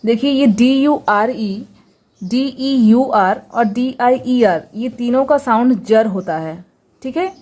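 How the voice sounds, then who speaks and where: A woman teaches English pronunciation in a Hindi-language lesson, patiently repeating each example word and posing rhetorical questions. Her voice has a fairly high pitch and a darkish tone, and she takes it slowly.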